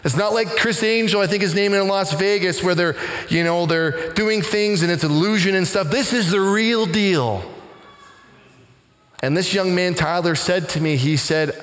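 Pastor preaching in a reverberant hall. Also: male voice, normal speed, hardly any pauses, soft background music. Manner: conversational, animated when retelling, rising pitch in excitement. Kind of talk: sermon storytelling. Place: church sanctuary. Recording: long hall reverb in a church.

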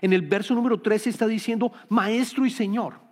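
A man's voice: sits high, fairly even intonation, fairly quick, a little mellow. A man preaching an earnest Bible-study sermon, repeating key phrases and restarting words as he explains. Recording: long hall reverb.

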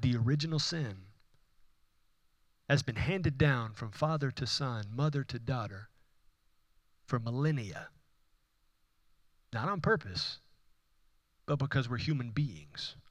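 A Houston, Texas pastor preaches a sermon in church with a medium-pitched, expressive voice, slow and pausing often, recorded without echo. His impassioned delivery builds emphatic repeated phrases into rising runs of intensity.

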